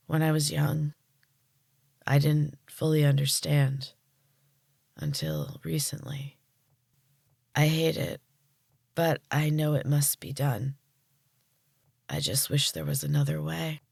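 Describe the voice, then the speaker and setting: A woman voicing a solemn young woman slowly turning into a tree creature, speaking in a breathy, strained, hushed way. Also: sits low, no room sound, studio quality, full character voice.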